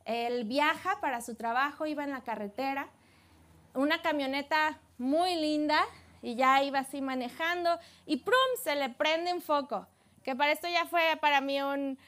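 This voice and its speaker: A woman preacher retelling a Bible story in a lively, animated way, laughing often as she talks to her church. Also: sits high, normal speed. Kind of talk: sermon storytelling.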